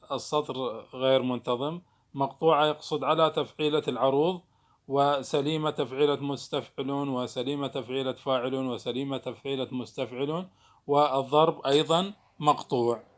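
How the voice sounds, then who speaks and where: A man teaching a recorded lesson on Arabic poetic meter. He explains slowly and deliberately, spells out syllables, and stops to restart while he thinks. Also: mid-range voice, fairly even intonation.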